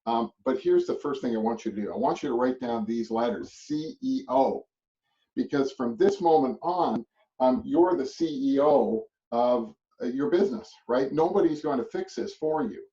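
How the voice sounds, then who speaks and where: A man's voice: mid-range voice, moderate pace, warm tone. Rambling Canadian man coaching agents. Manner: rambling, repeats "right?", chuckles often. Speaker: real estate coach. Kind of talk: motivational presentation. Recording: distant muffled mic.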